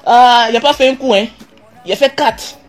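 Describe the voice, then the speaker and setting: A woman's voice: a little high, moderate pace, soft background music. A woman beauty vlogger talking casually on a live stream, self-assured and boastful.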